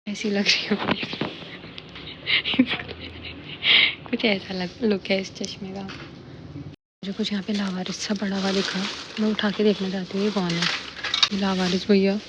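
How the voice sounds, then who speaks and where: A woman's voice: mid-range voice, level tone, normal speed. Chatty young female vlogger talking to viewers, phone mic, noisy street. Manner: chatty, bubbly, addresses viewers directly. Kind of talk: casual vlog chat. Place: city streets, shops and home. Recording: noisy street and shop sound.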